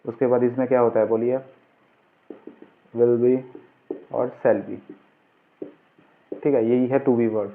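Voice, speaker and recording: An informal grammar tutor, speaking slowly with frequent pauses, asks questions and then answers them himself. His voice is medium-pitched and level in tone. The recording has a muffled, phone-like narrow-band quality.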